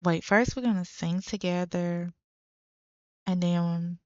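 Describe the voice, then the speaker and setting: Slow-talking chatty young woman gamer. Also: on the low side, fairly even intonation, a little mellow, clear, resonant tone, no room sound, highs cut off. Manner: chatty and exclamatory, talking to viewers. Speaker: let's play creator. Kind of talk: casual gameplay commentary.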